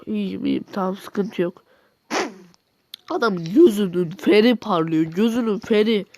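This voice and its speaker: A man's voice: high voice, lively intonation, measured pace, dark tone, no room sound. A man giving a comic voice-over commentary, joking and mock-exasperated as he talks to himself. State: nauseous near the end. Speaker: video commentator.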